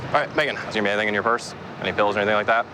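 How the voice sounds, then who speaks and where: Very fast-talking male deputy at roadside. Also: fairly low pitch, steady tone, background noise. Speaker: police deputy at a traffic stop. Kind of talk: casual on-scene questioning. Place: outdoors at a roadside.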